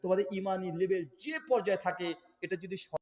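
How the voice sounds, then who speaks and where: A man preaching a sermon in Bengali, telling a story dramatically and swinging between quiet speech and loud shouts. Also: high-pitched, brisk, dull audio. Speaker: Islamic preacher. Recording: long hall reverb.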